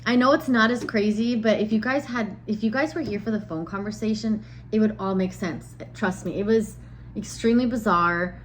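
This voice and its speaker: A woman's voice: medium pitch, normal speed, a little hiss or hum, low-quality recording. Chatty exasperated young woman. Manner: chatty, exasperated, lots of filler "like". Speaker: vlogger. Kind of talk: casual storytelling.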